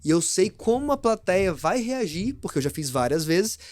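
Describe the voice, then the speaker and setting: A Brazilian man, a speaking mentor, explaining on a podcast in an animated way, often speeding up, slowing down and raising his voice for effect. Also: high-pitched, no room sound. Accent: Brazilian Portuguese. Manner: animated, varies pace and loudness for effect.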